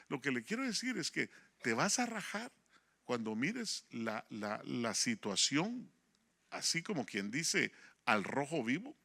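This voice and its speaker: A man's voice: on the high side, gravelly. A man preaching a sermon as a pastor, telling a personal story, acting out dialogue and calling listeners "brother". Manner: storytelling, animated, acts out dialogue, addresses listeners as hermano.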